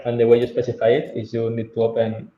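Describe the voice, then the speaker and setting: A man, a software engineer guest, patiently explaining technical steps one at a time over a video call. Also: mid-range voice, completely flat delivery, fast. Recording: roomy, dull video call audio with faint noise.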